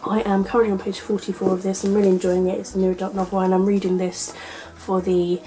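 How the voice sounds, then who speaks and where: A woman with a gravelly, husky voice, hoarse from illness, chatting casually and upbeat to her viewers as a vlogger. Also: mid-range voice, little pitch movement, fast talker, warm tone. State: hoarse from being ill. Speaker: book vlogger hosting own channel.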